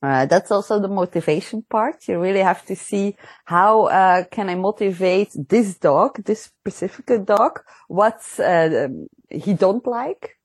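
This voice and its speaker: Husky woman in halting, non-native English. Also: medium pitch, lively intonation, no room sound. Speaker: dog dancing champion guest. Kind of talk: interview answers.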